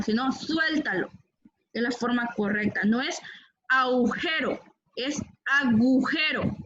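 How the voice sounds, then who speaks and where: A woman's voice: high voice, fairly bright tone. A woman teacher giving a grammar lesson to her class, patiently repeating words and checking in with "¿verdad?". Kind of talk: online Spanish grammar lesson. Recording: dull lo-fi recording.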